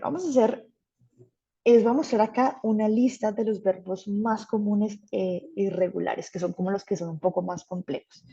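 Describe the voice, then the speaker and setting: Her mid-range voice is dark and husky, captured in a muffled recording. She leads an online English grammar class, staying patient and regularly asking how her students are following.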